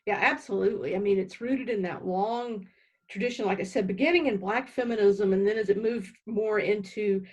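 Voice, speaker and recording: A woman theologian speaks in a measured, thoughtful way, pausing for ums and restarts. She is a guest in a live online book discussion. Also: medium pitch, husky, poor audio.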